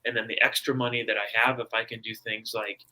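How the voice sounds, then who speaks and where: Speaking fast in a fairly low, flat voice that sounds pushed and bright, this American guest author chats casually in an interview. He repeats his points emphatically in everyday language, and the recording quality is low.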